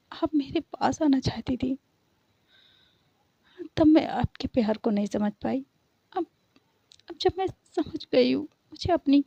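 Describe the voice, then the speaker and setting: A woman's voice: sits high, gravelly, warm tone, no room sound, muffled recording, voice pushed up. A woman voicing a playful young woman who pleads with and coaxes her lover. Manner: coaxing, pleading, teasing.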